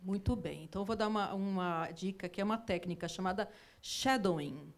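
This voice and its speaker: A woman's voice: medium pitch, a little fast, creaky. A woman, an English teacher guest on a TV talk show, explaining patiently and often checking with "né?". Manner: explanatory, often adds tag "né?".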